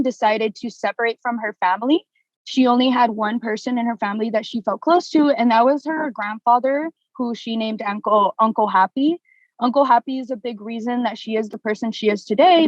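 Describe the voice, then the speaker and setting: A woman's voice: a little high, dry recording, lo-fi sound. A young woman, a political science student, presenting a class project in a casual way, with many fillers and restarts. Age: young adult.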